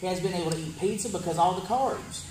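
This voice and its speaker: A man's voice: high voice, fast talker, darkish tone. A man hosting a wrestling promo interview, announcing upcoming matches and putting questions to a wrestler. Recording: echoey room with music behind.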